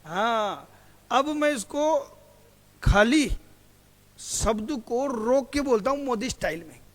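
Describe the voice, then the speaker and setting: A man's voice: very high voice, expressive, slow pace. A male teacher giving a classroom lecture who keeps asking his students questions, answers them himself, and calls them "beta". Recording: hall reverb.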